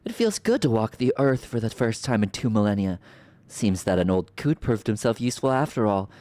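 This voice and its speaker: A man voicing a haughty, mocking ancient sorceress from a game, speaking in slow theatrical villain menace. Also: fairly low pitch, animated, warm tone, no room sound, lightly acted. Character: haughty sardonic ancient sorceress villain, memory manifested, woman. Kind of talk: reading game dialogue aloud in character.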